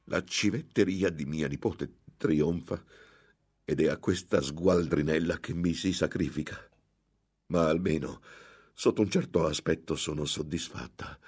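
A man's voice: very deep voice, unhurried, darkish tone, husky, full character voice. A man voicing a jealous, scorned middle-aged noblewoman who hisses her threats through clenched teeth in an audiobook. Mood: bitter. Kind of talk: audiobook character voice.

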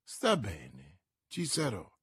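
A man reading aloud and voicing a haughty English lord in a stiff, formal manner with a husky voice. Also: lowish voice, huge pitch swings, extremely slow, a bit bright, no room sound, studio quality, voice pushed down, full character voice. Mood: proud.

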